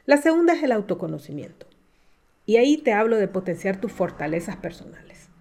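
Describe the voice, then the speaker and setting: A middle-aged woman coach giving a motivational talk, speaking with lively, emphatic swings up in pitch. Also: fairly quick. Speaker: leadership coach.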